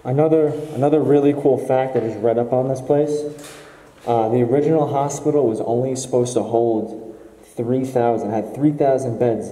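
A young urban explorer walks through a large abandoned hospital with a camera, giving a casual guided walkthrough full of awed, speculative commentary. His medium-pitched voice is dark, he wears a respirator mask, and the camera-mounted mic picks up the echo of the empty halls indoors.

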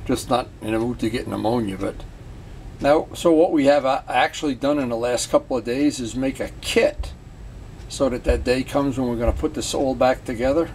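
A man talks his way casually through a garage motorcycle project, loose and rambling, tossing in jokey asides. His voice sits at an ordinary middle pitch. A faint hum of room noise runs behind him on the camera mic. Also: darkish tone. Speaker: motorcycle DIY vlogger. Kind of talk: casual workshop vlog.

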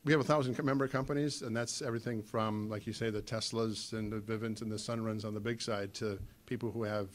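A middle-aged man on a conference panel, talking from a podium mic in a meeting room, halting with many fillers and restarts. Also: fairly low pitch, fairly even intonation. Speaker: trade association panelist.

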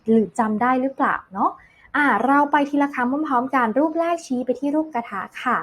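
A woman teaching English to kindergarten children, saying each word slowly and clearly, repeating it, then explaining it. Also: sits high. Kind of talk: slow vocabulary drill lesson for small children.

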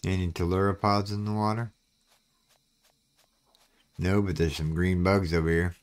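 Something clogs this gaming host's throat as he chats casually with viewers during play. His low voice is clean in tone, flat in delivery and at normal speed.

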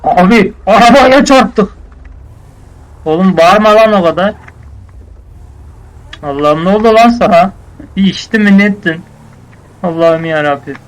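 A man's voice: sits high, normal speed, long pauses, clean tone, rough recording. A man acting out a casual game roleplay, bossing his crew around in scolding, slangy street talk.

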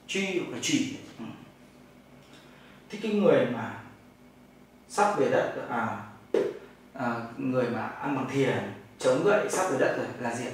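A man from Vietnam with a Northern Vietnamese accent, teaching a classroom language lesson, explaining step by step and answering his own questions. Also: mid-range voice. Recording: very echoey room, mic far off, noisy.

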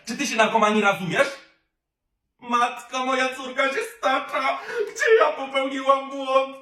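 A man's voice: sits high, pushed and bright, far from the mic, slight background noise, full character voice. A man playing a nosy mother who interrogates her daughter, sugary at first and then accusing, in an echoey room. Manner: sweet then prying and accusing.

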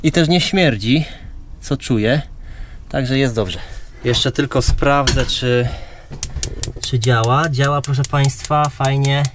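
Speaking slowly and pausing often, a man with a mid-range voice narrates a casual how-to vlog beside a caravan at a campsite. He's a father from Poland, chatting his viewers through every step, with a little background noise present.

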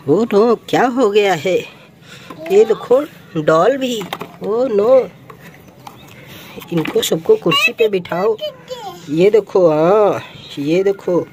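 Woman slowly narrating toys for kids, lots of oohs and oh nos, faint hiss behind. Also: medium pitch, mellow. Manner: exclaiming, coaxing toys like children. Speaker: toy video narrator. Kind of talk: playful toy play narration for kids.

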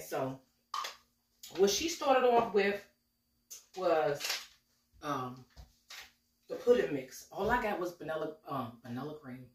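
A mid-range voice belongs to a woman in her forties, a cooking vlogger with a slight cold who chats casually and calls viewers y'all. Recorded in her home kitchen by a camera a few steps away, the sound has roomy echo and a noisy background.

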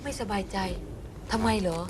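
A woman's voice: moderate pace, background noise, close to an everyday voice. An actress playing a fussy, insistent middle-aged mother in a TV drama, scolding and coaxing her husband. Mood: concerned. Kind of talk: Thai TV soap acting. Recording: music score underneath.

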